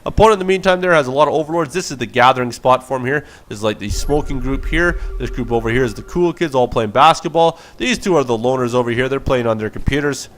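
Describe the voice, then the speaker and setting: A man's voice: medium pitch, fast, few pauses, a bit bright. A man casting a video game replay with play-by-play commentary, casual and joking. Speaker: game caster.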